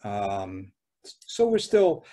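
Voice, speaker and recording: An older man with a husky, somewhat low voice speaks through a webcam on a video call. He talks haltingly, restarting phrases and filling pauses as he explains his plans on a panel. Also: wildly swooping pitch, warm tone. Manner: halting, with many restarts and fillers. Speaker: ski area owner on a panel. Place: dim room at home.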